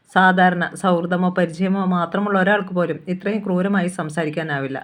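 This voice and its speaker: Measured audiobook narrator. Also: medium pitch. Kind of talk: novel reading.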